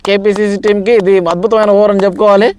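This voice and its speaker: A man giving live amateur cricket commentary in an excitable manner, repeating stock phrases of praise. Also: high voice, rapid-fire, slight background noise.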